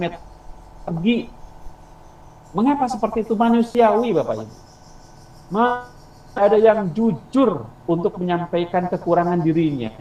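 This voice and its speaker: A man's voice: high-pitched, a little mellow. Roomy, distant man lecturing over video call. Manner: explains step by step, asks the class questions. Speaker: instructor. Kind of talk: online teacher-training lecture. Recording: roomy, distant mic, faint insect noise.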